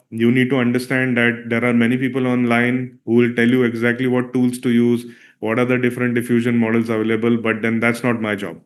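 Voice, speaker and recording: In this live online workshop talk, a man whose language is Marathi speaks in a medium-pitched voice, casual and conversational. He's a filmmaker and presenter who keeps dropping in "uh" and often asks "all right?" to hold his listeners' attention.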